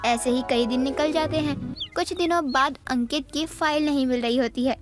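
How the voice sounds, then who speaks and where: A woman narrating an animated moral story in a plain, even storytelling manner. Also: sits high, moderate pace, faint music behind.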